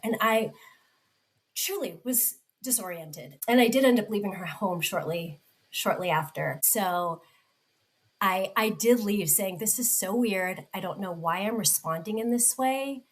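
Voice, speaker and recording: A woman's voice: mid-range voice, rough recording. A woman in her forties, a podcast guest, telling a personal story in a heartfelt way with many restarts. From United States. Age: 40s.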